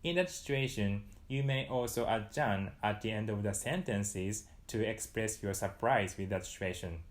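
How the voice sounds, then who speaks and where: In a small room, wearing a lapel mic, a young man from Japan teaches a calm, scripted language lesson to camera. His fairly low voice carries a Japanese accent, and he speeds up and gets louder on his Japanese example phrases.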